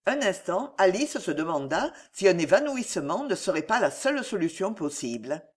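A woman narrating a historical novel aloud in a dramatic, expressive way. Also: fairly low pitch, moderate pace. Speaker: audiobook narrator.

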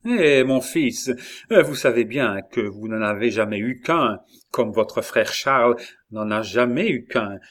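A crafty, scornful old queen mother, voiced by a man reading aloud speaks cuttingly. When alarmed, her voice leaps up sharp and high. The reading moves slowly and deliberately, like a dramatized audiobook. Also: expressive. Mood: cold.

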